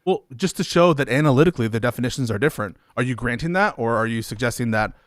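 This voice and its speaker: A man's voice: mid-range voice, animated, fast, no echo, studio quality. A man hosting a heated debate, arguing and cutting in with repeated requests to wait. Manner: interrupts with repeated "wait", argumentative. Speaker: debate host.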